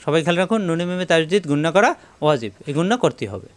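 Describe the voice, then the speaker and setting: A man teaching Arabic letters in a step-by-step lesson, repeating syllables slowly in drills. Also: fairly high pitch, very animated. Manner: repeats syllables in slow drills and tells viewers to take note. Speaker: Quran reading teacher.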